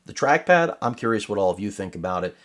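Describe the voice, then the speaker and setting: Middle-aged guy, super deep voice, rambling laptop review in his studio, sarcastic tangents. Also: sing-song, fast. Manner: rambling, digressive, sarcastic asides. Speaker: tech reviewer. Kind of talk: casual unboxing commentary. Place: home studio with lights.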